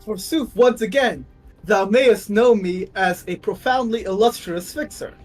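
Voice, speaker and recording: 一位女性在游戏台词朗读中扮演浮夸而热诚的年轻女骑士，说话古雅，富有戏剧腔，背景有轻微音乐。. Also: female voice, medium pitch, unhurried, close to an everyday voice. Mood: grand, jovial. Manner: theatrical, grandiose archaic speech. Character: pompous, gallant young woman knight, exuberant and earnest. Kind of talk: dramatic live read of game dialogue. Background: faint music.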